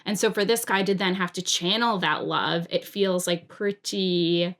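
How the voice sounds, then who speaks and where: A woman's voice: lowish voice, steady tone, unhurried, a bit bright. A woman guest on a podcast, a medium, talking reflectively with many casual fillers.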